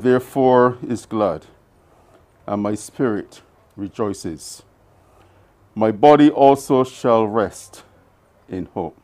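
Man, officiant, unhurried graveside prayers, phrase ends fading quietly. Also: medium pitch. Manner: slow, solemn recitation, trailing off softly at phrase ends. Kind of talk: liturgical reading at a burial service.

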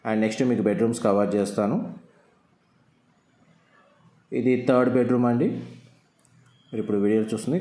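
Man touring a house, echoey rooms. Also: mid-range voice. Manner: steady explanatory, fillers, Telugu-English mixing. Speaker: property tour host. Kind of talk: walkthrough narration.

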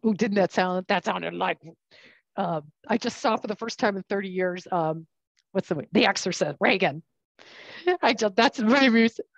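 A woman of medium pitch and normal pace runs a live cooking class, chatting and explaining every step as she works with her hands. Her voice has vocal fry, and the lo-fi recording has no echo.

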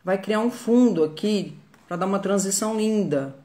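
Working on her makeup live from her phone, a Brazilian makeup artist chats away and greets viewers by name. Her voice is mid-range and warm, at a moderate pace.

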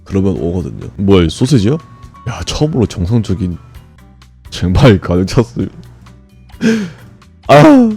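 A man streaming a game, grumbling and swearing at it, then breaking into sudden high shouts. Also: sing-song, normal speed, husky, soft background music. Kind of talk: frustrated live gameplay commentary.

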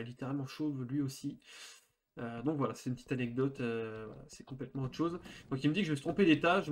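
Young man, casual horror game streamer. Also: medium pitch. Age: young adult. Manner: informal, slangy, joking.

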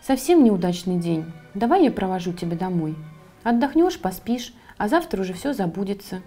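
A woman's voice: medium pitch, sing-song, normal speed, soft background music, lightly acted. Woman doing a kind, reassuring ladybug. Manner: warm, reassuring. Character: kind, caring female ladybug.

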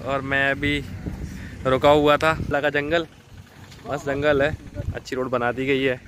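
A man talks his viewers through a drive in a relaxed, chatty way, his voice staying flat and even. The road and engine noise of the car comes through clearly behind him. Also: mid-range voice, a little slow. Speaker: vlogger. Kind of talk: casual travel vlog. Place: inside a moving car.

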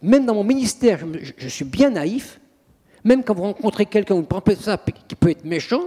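A man with a husky, high voice that swoops up and down as he tells stories, playing out each scene with gusto. He is a priest speaking to a room, and his words ring with a long reverb in a hall. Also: expressive, moderate pace, mellow. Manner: theatrical storyteller, acts out scenes. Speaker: priest and exorcist. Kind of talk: anecdotal public talk.

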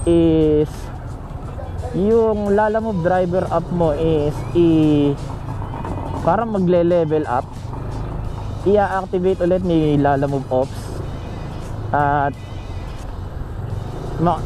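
A man's voice: sits high, low-quality recording. A man talking casually while riding a motorcycle through town, answering viewer questions with frequent tag questions. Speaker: motovlogger and delivery rider. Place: outdoors on a motorcycle in town streets.

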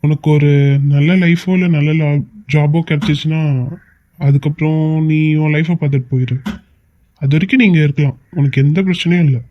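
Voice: mid-range voice, fairly even intonation, a little fast, no echo, highs cut off, lightly acted. A voice actor playing a kind, reassuring young man. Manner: soothing, reassuring. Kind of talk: cartoon voice acting.

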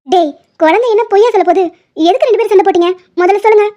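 Stern cartoon granny, high voice, scolding, voiced by a woman. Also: rapid-fire, dark tone, muffled recording. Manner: scolding, demanding. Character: stern grandmother, scolding her grown son.

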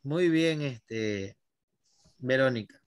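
A man's voice: mid-range voice, lively intonation, drawn-out words, no echo, clean studio sound. A man teaching a language class online, patiently guiding his students by name.

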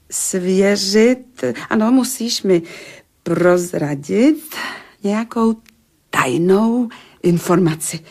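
A woman's voice: mid-range voice, a little mellow. An actress in a radio play voicing a sceptical woman who teases and bargains in a dry, colloquial way. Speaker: actor in radio drama. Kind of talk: Czech radio play acting.

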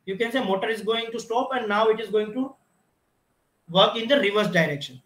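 A man's voice: sits high, a little fast, fairly bright tone. A man teaching a technical lab demonstration, explaining step by step with frequent restarts and repeated "you can see". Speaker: instructor. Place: automation lab with equipment. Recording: echoey room.

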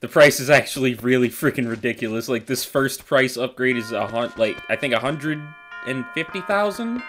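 A man's voice: mid-range voice, normal speed, music in the background. A man hosting a casual let's play, joking and swearing freely as he plays. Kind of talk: casual gameplay commentary.

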